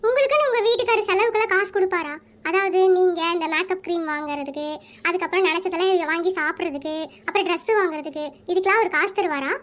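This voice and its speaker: A woman's voice: very high voice, fast talker, a bit bright. A woman voicing a young female street interviewer in a comic cartoon, asking questions eagerly.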